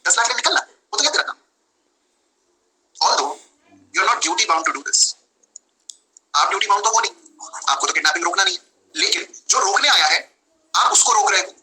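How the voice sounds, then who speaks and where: A young man teaching law in a live online class, lively, switching between Hindi and English and acting out his examples. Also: sits high, normal speed, pauses often, background noise.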